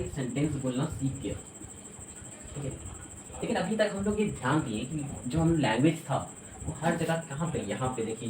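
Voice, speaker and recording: Fast-talking male teacher in an echoey room. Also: medium pitch, a little mellow, slight background noise. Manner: explains step by step with frequent "ठीक है?" checks. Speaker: English teacher. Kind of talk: classroom lecture.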